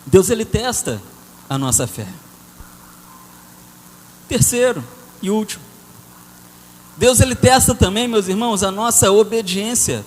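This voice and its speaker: A man preaching a sermon, telling a story in an animated way that swings between loud and soft. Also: high voice, a little slow, long pauses. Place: church hall. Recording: church hall reverb with faint noise.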